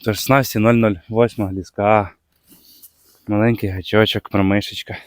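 A man from Ukraine with a Bukovina accent, chatting casually as he fishes on the ice outdoors, breaking into excited exclamations when a fish bites. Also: on the low side, normal speed, clean tone, dry recording, clean studio sound. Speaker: fishing vlogger. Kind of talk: casual commentary while ice fishing. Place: outdoors on a frozen lake.

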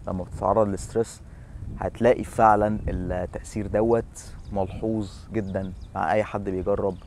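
A man's voice: on the low side, little pitch movement, a little fast, darkish tone, a little hiss or hum. A man in his thirties with an Egyptian Arabic accent, presenting an informal fitness explainer to camera. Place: outdoor seafront bench in a city. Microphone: lapel.

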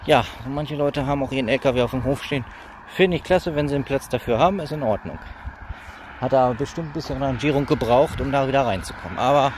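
A man in his thirties chats in a rambling, casual vlog style as he walks. His voice sits at an average pitch. It is recorded outdoors on a phone, with clear roadside noise and traffic behind him. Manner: rambling, talking while walking. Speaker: vlogger. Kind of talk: casual chatty walking vlog. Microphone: phone held at arm's length.

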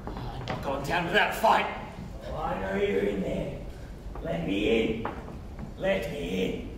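A man's voice: on the high side, expressive, takes it slowly, creaky, very echoey, recorded from a distance, background noise, heavily acted. An actor playing a jumpy, paranoid male pig hiding in his brick house, talking in sing-song rhymes on stage. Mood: jittery. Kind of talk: stage play performance.

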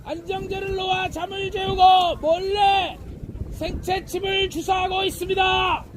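Shouting man with a very high voice. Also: little pitch movement, a little hiss or hum. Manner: shouting slogans in drawn-out phrases. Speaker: street protester. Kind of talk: shouted protest speech.

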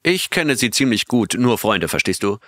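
A man's voice: fairly low pitch, very animated, normal speed, a bit bright, no echo, clean studio sound, pitched above the performer's own voice. A man reading an earnest astronaut storyteller. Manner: earnest storytelling, asks listeners questions. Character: male astronaut telling his adventure to his crew. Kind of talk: audiobook reading of a character's tale.

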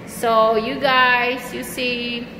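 A woman vlogger in the service casually tours her sparse, small apartment indoors, filming on a handheld phone while off-screen. Her voice is on the high side, slow and relaxed, and she laughs frequently between lines amid some background noise.

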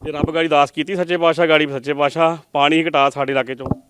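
A man from Punjab reporting on the scene at a flood-damaged home, talking quickly with an emotional, consoling tone. His voice is a little high, smooth and clear, recorded dry and close. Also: fairly even intonation, a bit bright, dry recording. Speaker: field reporter.

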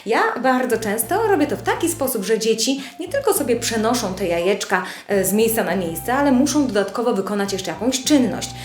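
A woman's voice: a little high, big pitch swings, a little fast, hardly any pauses. A woman speech therapist explaining children's learning games in a friendly, instructive way, speaking directly to parents. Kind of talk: instructional video presentation. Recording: echoey room with soft music.

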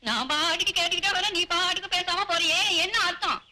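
An actress playing a sharp-tongued, nagging old village grandmother who scolds quickly in a film scene. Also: extremely high pitch, slight background noise, heavily acted. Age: older. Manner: quick, scolding, wails for her lost husband. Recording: film soundtrack with music under the voice.

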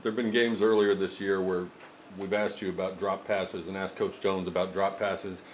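Male sports reporter, lower voice, detailed measured questions, faint background noise. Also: little pitch movement, poor audio. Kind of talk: press conference questions.

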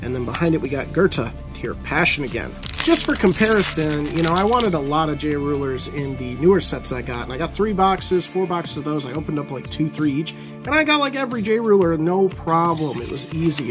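An animated man chatting through a card unboxing, his pitch rising and falling with every pull. He moves quickly from disappointment to delight in a casual, running commentary. Music plays underneath. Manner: excitable, swings from glum to elated. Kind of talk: casual commentary while opening packs.

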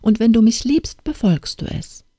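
A woman's voice: a little high, very animated, normal speed, dark tone, no echo, studio quality, pitched above the performer's own voice. A woman voicing a stern old father in an audiobook tale, speaking in a reproachful, urging way.

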